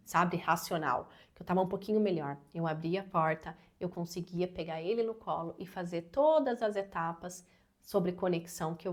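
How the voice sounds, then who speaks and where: A woman in her thirties talking earnestly and personally as a parenting educator, with many casual fillers. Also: on the low side. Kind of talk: advice talk to camera.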